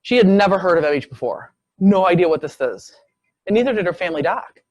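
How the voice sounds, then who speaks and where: A man's voice: sits high, lively intonation, quick pace, darkish tone, no echo. A man lecturing as a visiting professor, telling a medical case as a story and acting out what people said. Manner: storytelling, acts out quoted speech.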